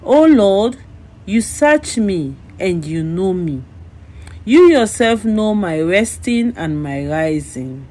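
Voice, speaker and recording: A woman's voice: medium pitch, a little mellow. A woman reading a psalm aloud as a liturgical scripture reader.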